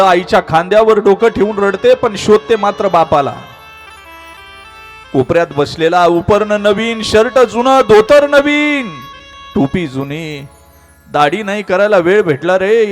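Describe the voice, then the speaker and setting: Brief: male kirtan preacher, high voice, emotional devotional storytelling, soft then loud, faint music behind. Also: animated, unhurried. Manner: emotional, with sudden swings between hushed and loud.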